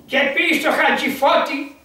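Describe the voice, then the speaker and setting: A monk, a man, telling a miracle tale in an animated, rambling way with lots of quoted dialogue. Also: very high-pitched. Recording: echoey room from far off.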